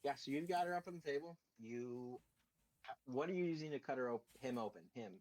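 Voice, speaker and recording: A man's voice: mid-range voice, a little fast, a little mellow, no room sound, rough recording. A man running a tabletop game as game master, giving casual, laid-back rulings.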